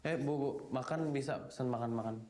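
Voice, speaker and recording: A man's voice: medium pitch, brisk, darkish tone, a little hiss or hum, lightly acted. A young man in a film drama, teasing and sarcastic as he argues with friends on a trip. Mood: bickering. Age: young adult.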